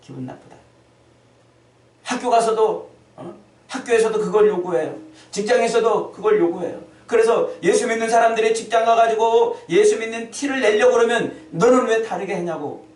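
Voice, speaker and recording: Korean pastor preaching in an echoey hall. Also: male voice, very high-pitched, normal speed. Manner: animated preaching, acts out quoted voices. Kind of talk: sermon. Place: church sanctuary. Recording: echoey church hall, distant mic.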